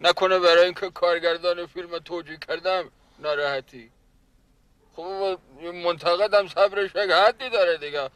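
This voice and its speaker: Lovesick sitcom caretaker, high voice, bright tone, doting, flowery talk. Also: male voice, clear, resonant tone, no echo, poor audio. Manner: doting, flowery talk of love, calls others "baba jan". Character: lovestruck, boastful male caretaker, grown man. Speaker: caretaker in love with a young woman. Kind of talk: sitcom acting.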